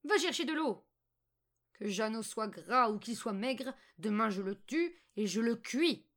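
A cruel, half-blind old witch, put on by a woman narrator in a storybook reading. She shrieks her orders in a loud, strained voice pitched far above the reader's own. Her tone stays impatient and harsh. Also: a little slow. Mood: menacing. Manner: shrill, barking and impatient.

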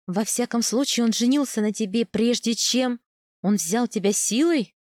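A woman voicing a brisk, wry noble mother in a storybook reading. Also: a little high, a little mellow, no echo, studio quality, natural voice.

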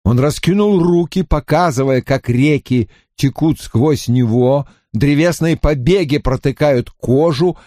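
A man narrating an audiobook in an expressive, dramatic storytelling style. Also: on the high side, no echo, clean studio sound.

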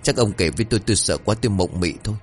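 A man voicing a tired older wife fussing over her husband in a horror story, in his own deep voice. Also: racing, a little hiss or hum, close to an everyday voice. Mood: concerned.

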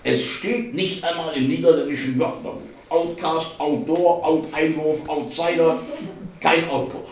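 A man's voice: medium pitch, expressive, takes it slowly, voice pushed up. A man reading aloud and voicing a sarcastic, indignant male office scholar who mocks bureaucratic jargon, his voice raised in exasperated bursts. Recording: echoey hall, voice far from mic.

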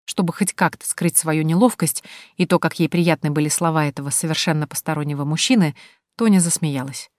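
A woman reading a novel aloud in an even storytelling manner. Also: sits low, a little fast, no room sound, studio quality. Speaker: audiobook narrator. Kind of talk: scripted narration.

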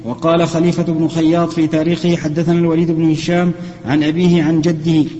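A man reading a classical text aloud for his teacher in a lesson, steady and even, correcting himself now and then. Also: on the high side, fast talker, in a large hall, dull audio. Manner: steady, even recitation with small self-corrections.

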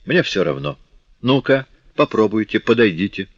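A man's voice: on the low side, big pitch swings, normal speed, dry recording, pitched above the performer's own voice. A man voicing a fierce, defiant young street girl. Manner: scornful, fearless taunting. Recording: dull dry lo-fi audiobook recording.

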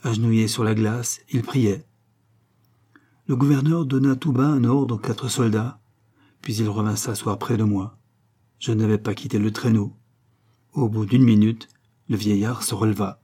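A man reading a story aloud as narrator, with measured, grave delivery. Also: fairly low pitch, steady tone, warm tone, breathy edge. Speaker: audiobook narrator.

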